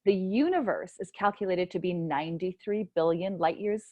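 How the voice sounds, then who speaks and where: A woman's voice: on the low side, moderate pace, no room sound, dull audio. A woman author talking casually and enthusiastically on a video call, rambling with restarts as she explains her novel. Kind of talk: casual virtual book launch talk.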